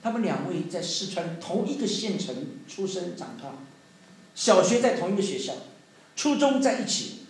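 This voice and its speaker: A man preaching a sermon as pastor, telling a story in a lively way and acting out the people he quotes. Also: high voice, normal speed. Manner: animated, acts out the people he quotes. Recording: very echoey hall, faint noise.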